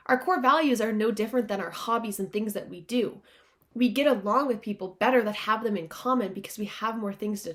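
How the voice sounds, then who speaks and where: A slightly high-pitched woman hosts a podcast in a nasal, blocked-up voice, like someone holding her nose against allergies. She addresses listeners earnestly and casually, offering motivational self-help talk.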